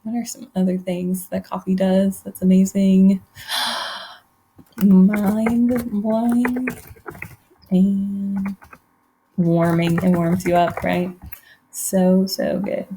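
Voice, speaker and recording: A woman's voice: mid-range voice, flat delivery, very slow, long pauses, warm tone, a little hiss or hum. A woman teacher giving an online poetry lesson, thinking aloud in a friendly way while she types.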